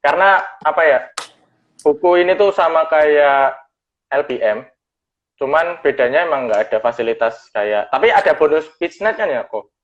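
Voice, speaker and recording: A man's voice: a little high, lively intonation, normal speed. A man co-hosting a phone livestream, asking questions hesitantly with many fillers. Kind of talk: Instagram livestream talk. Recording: muffled lo-fi livestream audio.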